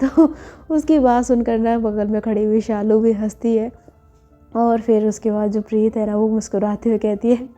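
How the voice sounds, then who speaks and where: A woman tells a serialized story in a chatty, intimate style. Her voice is mellow and dark-toned, pitched a little high. The track sounds dull and lo-fi, with faint music underneath. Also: fairly even intonation, normal speed.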